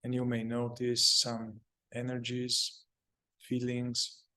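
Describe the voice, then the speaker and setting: This man's medium-pitched voice guides a meditation, calm and unhurried, broken into short, halting phrases with lengthy pauses.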